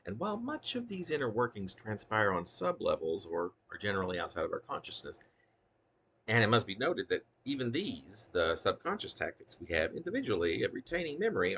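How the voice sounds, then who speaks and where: Reading his own poems as a kind of spoken essay, this man sounds gravelly and lowish, with a fairly bright tone. His delivery is musing, verbose and emphatic, punctuated by occasional off-script remarks, over slight background noise.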